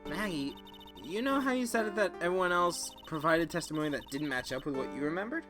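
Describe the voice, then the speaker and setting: A man voicing a young defense lawyer in a fan dub of a video game, speaking in a dry, thoughtful, slightly lowered tone over game music. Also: animated, brisk, lightly acted. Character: young male defense lawyer, earnest, wry.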